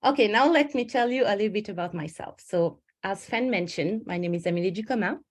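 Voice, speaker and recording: A woman with a brisk, mid-range voice coaches on stress management in an online webinar. She's from Switzerland and speaks into a home computer mic on a video call, earnest and personal in tone, with frequent mid-sentence self-corrections.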